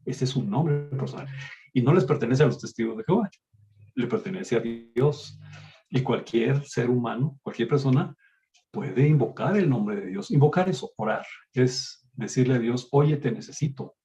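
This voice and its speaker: A man with a Mexican accent teaching an online Bible class, explaining slowly and calling his listeners brothers. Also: medium pitch, lively intonation, mellow. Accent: Mexican Spanish. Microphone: video call. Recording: dull lo-fi video call audio.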